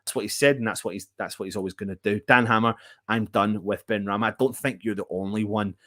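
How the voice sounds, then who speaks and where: Speaking quickly in a lowish, slightly bright voice with fairly even intonation, this host runs a football fan live show. The sound is studio quality with no echo, and he's chummy throughout, greeting viewers as "mate" while discussing club news.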